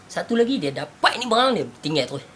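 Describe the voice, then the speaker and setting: Animated storytelling man with a Northern Malaysian accent. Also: high voice, fast, slight background noise. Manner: animated storyteller, acts out quotes, laughs often. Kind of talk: casual storytelling chat.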